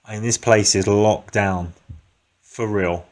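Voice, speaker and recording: A man's voice: lowish voice, fairly even intonation, takes it slowly, a little mellow. A man telling a story in a blunt, chatty way. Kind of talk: casual storytelling.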